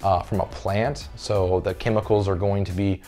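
Casting: thirties male fitness coach, lowish voice, chatty explainer, small indoor room, faint music under. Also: little pitch movement, normal speed, dark tone. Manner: conversational, frequent "all right?" check-ins. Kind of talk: casual talking-head lesson. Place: carpeted room with window blinds, indoors.

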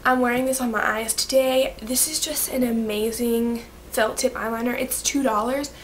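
Filming close to the camera in her bedroom, a young beauty vlogger brightly chats through a casual monthly favorites vlog, her nose stuffy from an oncoming cold. Her voice is a little high, and she gushes with quick, excited, bubbly asides. A faint hiss runs underneath.

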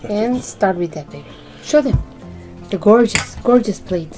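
A chatty woman in her thirties hosts a casual mukbang video for her food channel, presenting each dish in a mid-range voice with lively intonation and a measured pace. She's indoors in a sunny room with large windows, picked up by a table mic in front of the couple, with music clearly audible behind.

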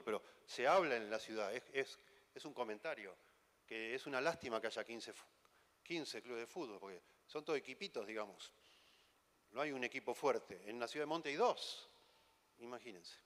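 In a conference hall with long reverb, a man with an Argentine accent delivers a teasing, conversational sermon packed with rhetorical questions. He talks briskly in a medium-pitched, slightly bright voice.

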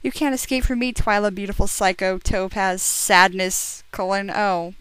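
A woman's voice: medium pitch, moderate pace, a bit bright, smooth, no room sound, close to an everyday voice, rough recording. A woman reading as a taunting vampire slayer. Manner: taunting, mean.

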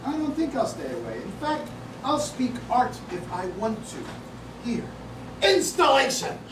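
A man's voice: very high voice, very animated, moderate pace. An older man acting a wry, cautious yet defiant character in a staged play reading, heard in a theatre. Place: small stage in a club theatre before an audience. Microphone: distant audience camera. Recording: noisy, echoey theatre recording from far off.

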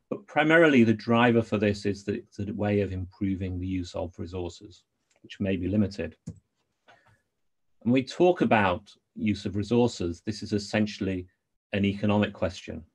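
A middle-aged man with a slightly low voice. He presents to a conference over a video-call microphone, explaining things in a measured, carefully qualified manner. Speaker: consultant anaesthetist giving a lecture. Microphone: computer microphone on a video call.

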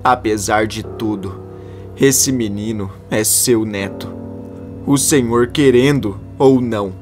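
A man's voice: lowish voice, slow, a little mellow, faint music behind. Man reading as a pleading young woman. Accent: Brazilian.

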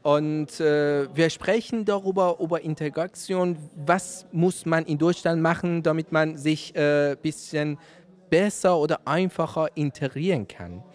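A man, answering interview questions in halting speech with many fillers, into a handheld mic at an indoor event. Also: on the high side, a little mellow. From Iran. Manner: hesitant, many fillers, searching for German words. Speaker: radio volunteer interviewee. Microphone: handheld reporter mic.

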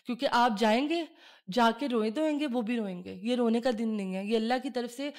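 A woman hosting a podcast who tells personal stories in a casual, animated way and acts out the dialogue. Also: a little high, fairly quick. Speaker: podcast host. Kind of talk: casual chat, personal storytelling.

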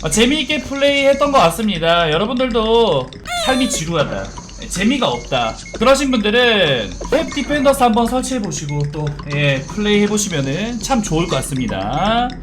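A man's voice: high voice, normal speed, hardly any pauses, over music. Chatty Korean man streaming a game. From South Korea. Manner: chatty, bursts into excited shouting during battles. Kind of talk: sponsored mobile game playthrough.

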